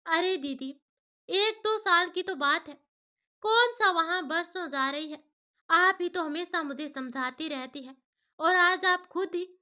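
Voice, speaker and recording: A woman's voice: extremely high pitch, measured pace, sharp tone, full character voice. A woman voicing a proud widowed mother who answers with indignant, insistent protests. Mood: protesting.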